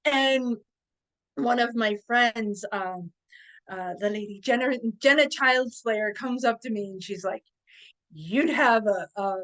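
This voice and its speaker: A woman chatting as a podcast guest, telling stories in a hesitant way with frequent pauses and fillers. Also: a little high, fairly bright tone, rough recording. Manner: hesitant, with many fillers and restarts. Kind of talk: casual interview chat.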